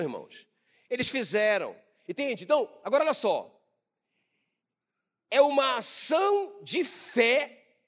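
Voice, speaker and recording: A man preaching a sermon, shifting between quiet personal storytelling and loud shouted bursts of praise. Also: high-pitched. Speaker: pastor.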